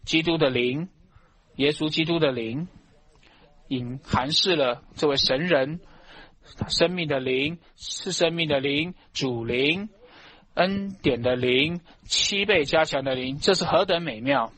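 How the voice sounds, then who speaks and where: A man delivers a sermon with slow, deliberate pacing. His voice sits a little higher than most men's. He presses each phrase with fervent emphasis, building into loud exclamations of praise. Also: slightly rough. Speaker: preacher.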